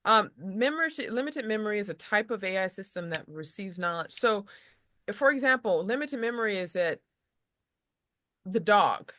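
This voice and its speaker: A woman's voice: medium pitch, lively intonation, normal speed, sharp tone, dry recording. A woman casually explaining lesson material as a tutor, rambling a little with restarts and slipping into example voices.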